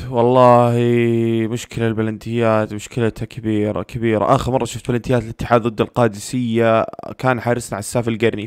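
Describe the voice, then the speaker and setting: Fast-talking fan repeating anxious pleas. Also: male voice, mid-range voice, clear, resonant tone, no echo, studio quality. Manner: anxious, pleading, repeats phrases over and over. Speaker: football fan reacting live. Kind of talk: live match reaction commentary.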